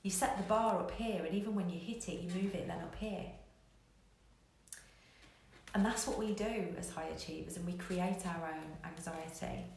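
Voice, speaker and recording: With a creaky, darkish voice on the low side and a moderate pace, a female business coach addresses online viewers on her live show. Her talk is candid and emphatic, full of repeated phrases. It was captured in a very echoey room with faint noise.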